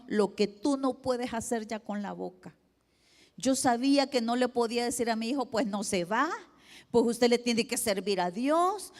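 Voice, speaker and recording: A woman's voice: mid-range voice, a little mellow. A middle-aged woman pastor from El Salvador preaching a sermon, talking with emphasis and often calling the congregation her brothers and sisters. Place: church sanctuary. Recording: long church reverb.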